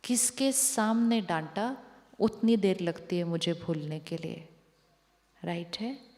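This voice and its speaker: A woman's voice: on the low side, slow, darkish tone. A woman giving a spiritual discourse to an audience as a teacher, repeating rhetorical questions to them. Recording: long hall reverb.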